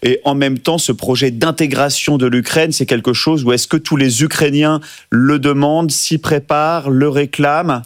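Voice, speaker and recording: Halting male talk show host. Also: fairly high pitch, fairly even intonation, dry recording, clean studio sound. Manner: halting, many fillers. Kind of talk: moderating a panel discussion.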